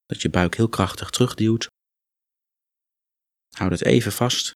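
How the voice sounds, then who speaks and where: Low-voiced man guiding relaxation. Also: measured pace, no room sound, clean studio sound. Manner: calm, instructive, coaxing. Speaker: relaxation exercise guide. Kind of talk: guided muscle relaxation meditation.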